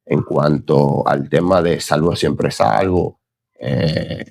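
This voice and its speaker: A man's voice: extremely low pitch, steady tone, slow, vocal fry, a little mellow, no echo, clean studio sound. A man giving a recorded Bible lesson in an earnest, unscripted way, often praising God and stopping to correct his own slips. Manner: earnest, exclaims "Gloria a Dios", stumbles and corrects himself. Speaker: Bible teacher.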